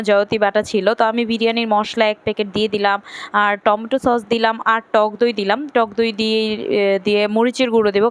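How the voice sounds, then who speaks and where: A woman's voice: fairly high pitch, clear, resonant tone. A young woman from Bangladesh, a mother, narrating her family vlog in a chatty, step-by-step way with many fillers. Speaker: vlogger, mother of young children. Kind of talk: casual vlog voice-over narration.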